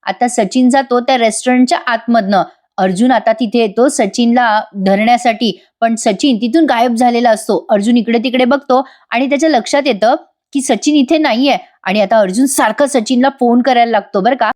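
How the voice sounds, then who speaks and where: A woman's voice: fairly high pitch, moderate pace, few pauses, a little mellow. A young woman narrating a voice-over episode review in a chatty way, speaking straight to viewers. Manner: chatty, addresses viewers directly. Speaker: TV serial reviewer.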